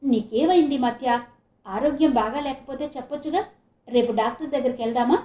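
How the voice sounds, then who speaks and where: A woman's voice: high-pitched, fairly quick, warm tone, roomy sound, lightly acted. A woman voicing an exasperated middle-aged husband and father who speaks in a stern, reasoning tone. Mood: soothing.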